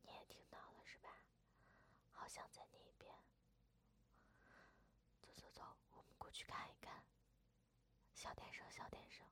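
A woman's voice: unhurried, pauses often, pushed and bright. A young woman voicing an older sister who whispers secretively, in a whispered role-play.

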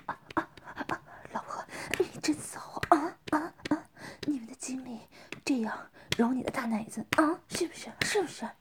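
A woman voicing a male lover in whispered role-play, speaking in a low, hushed, teasing whisper. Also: a little slow, few pauses.

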